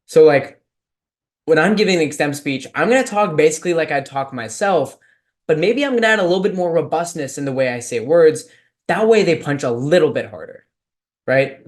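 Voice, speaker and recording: A man's voice: fairly high pitch, animated, fairly quick. Casual young man from Texas coaching. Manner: casual, filler-heavy coaching talk. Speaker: speech and debate coach. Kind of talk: online lecture with Q and A.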